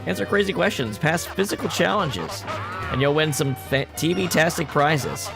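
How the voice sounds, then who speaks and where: A man voicing an excitable TV game show host as a booming prize announcer, in a showy manner. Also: moderate pace, vocal fry, music in the background. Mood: showy, excited.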